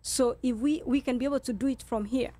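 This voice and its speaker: A woman with a Kenyan accent and a slightly high voice speaks as a guest on a talk show. She explains her points emphatically, often restating a phrase to drive it home. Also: fairly even intonation, fairly quick, warm tone. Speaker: guest speaker, nurse leader.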